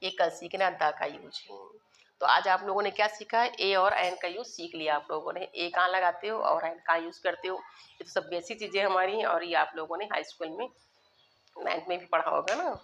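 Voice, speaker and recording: Low-voiced woman teaching a grammar lesson. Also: brisk, fairly bright tone, slight background noise. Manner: repeats key words, asks students questions and answers them herself. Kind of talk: classroom grammar lesson in Hindi, with English terms.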